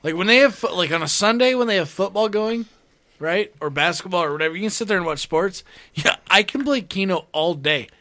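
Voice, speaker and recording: A man in casual, crude group banter as a podcast co-host, excitable and often repeating himself. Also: sits high, brisk, dry recording. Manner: excitable, repeats himself, acts out sound effects.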